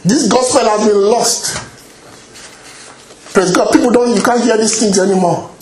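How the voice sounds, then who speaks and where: A man preaching a sermon with lively exclamations of praise, often repeating and restarting his phrases. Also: high-pitched, normal speed, a little hiss or hum. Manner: animated, exclaims hallelujah and praise God often. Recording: echoey hall.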